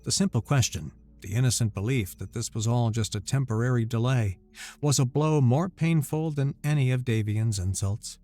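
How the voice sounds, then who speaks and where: A man narrating a scripted sci-fi romance story in a steady storytelling voice. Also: medium pitch, normal speed. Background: faint music.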